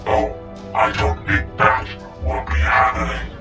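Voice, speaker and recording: A man playing a menacing, gloating cyborg general with a deep, heavily accented, mechanical rasp in an audio story. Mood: mocking menace. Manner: mocking, drawn-out menace. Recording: heavy reverb, music behind.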